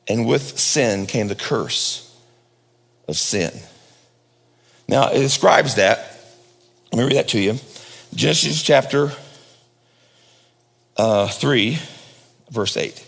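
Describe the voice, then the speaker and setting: A pastor preaching a sermon at a pulpit microphone, swinging from loud high emphasis down to low hushed lines. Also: male voice, gravelly, long reverb tail.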